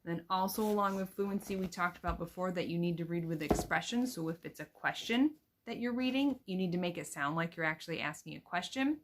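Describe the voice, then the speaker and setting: A young woman teacher with a slightly low voice walks students through how to read a picture book aloud to children. She talks in a chatty, explaining way, with plenty of fillers. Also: a little fast, few pauses, noisy background. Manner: explains then reads aloud with expression.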